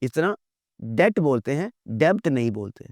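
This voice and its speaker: A male teacher lectures in a slightly high voice, asking rhetorical questions and answering them himself. He slows down to spell words out letter by letter. The sound is dry and close, with no room echo. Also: a little mellow.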